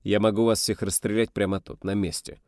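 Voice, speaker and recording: A man voicing a stern, gruff navy captain in his sixties who talks in a commanding, bitter way. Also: fairly low pitch, little pitch movement, a little fast, a little mellow, no echo, studio quality, natural voice. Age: 60s.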